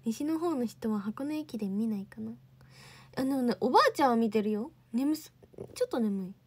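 High, husky young woman chatting live. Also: very animated, moderate pace. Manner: chatty, answers viewer comments. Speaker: idol livestream host. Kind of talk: casual livestream chat reading comments.

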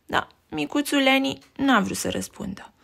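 A woman reading a picture book aloud to a child, lively and pointing out the pictures as she goes. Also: high-pitched, vocal fry. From Romania.

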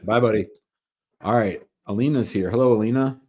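A man's voice: fairly low pitch, brisk, warm tone. A middle-aged man hosting an immigration advice call-in show over a video call, methodically recapping the caller's facts step by step. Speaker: immigration lawyer and show host. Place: home office. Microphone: webcam on a video call.

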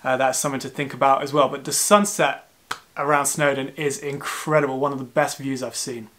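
A travel vlogger in his twenties chats to the camera from his living room sofa, casual and self-deprecating. His voice is medium-pitched and fairly bright, with a steady tone and a fairly quick pace.

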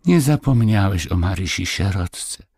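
A man voicing a gentle, frail little peasant orphan girl in a fairy-tale audiobook, with soft, childlike pleading. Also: sits low, animated, unhurried, slightly rough, no echo, clean studio sound, voice pushed up, exaggerated voice. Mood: tender.

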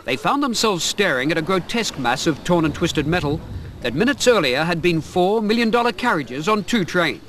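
A male television reporter reads his story in a measured, formal way, his voice sitting a little high. There is a clear hiss behind him, typical of a 1990s broadcast tape. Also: very animated. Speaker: news reporter. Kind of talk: scripted news narration.

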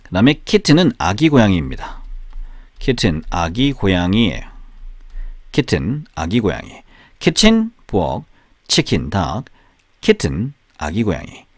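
A man who speaks Korean as his first language, teaching English pronunciation by repeating each word slowly and drilling it aloud. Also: deep voice, wildly swooping pitch, dry recording, clean studio sound.

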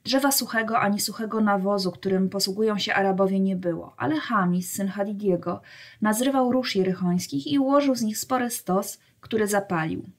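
A woman reading a children's novel aloud as a storyteller, in a measured, clear way. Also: medium pitch. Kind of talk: storybook narration.

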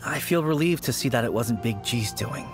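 Game casting: actor as composed male undertaker, mid-pitched, formal and serious, clear music behind. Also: lively intonation, normal speed, natural voice. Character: sober, loyal male undertaker. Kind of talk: animated game character acting.

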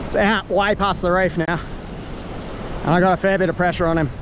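An Australian fishing vlogger, a young man, gives excited live commentary while fighting a fish on sea rocks by crashing surf, straining as he goes. His voice is high-pitched and a little fast. The head-mounted action camera mic picks up wind and surf noise.

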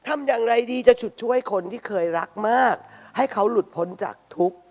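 A woman's voice: fairly high pitch, fairly quick, darkish tone. A woman co-host respectfully reading listener questions on a live dharma talk show. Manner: respectful, reads questions, affirming. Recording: long hall reverb.

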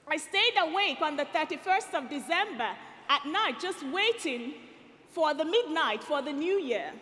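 A woman from Nigeria delivers a rousing rally speech on an arena stage, speaking into a headset mic. Her voice sits very high and sounds bright and forceful, and her pitch swings a lot as she builds to call-and-response shouts. Long reverb from the hall trails every line.

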